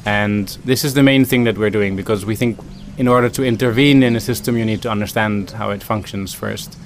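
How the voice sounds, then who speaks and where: A man's voice: lowish voice, fairly even intonation, fairly quick, slight background noise. A man from the Netherlands, a food system consultant answering interview questions thoughtfully, with many ums and restarts.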